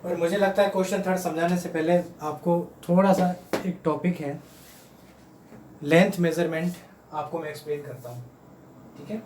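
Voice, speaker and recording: A man teaching a home math lesson to children, patiently repeating each number slowly. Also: a little high, darkish tone, far from the mic. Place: room at home. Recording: roomy, off-mic, faint hum.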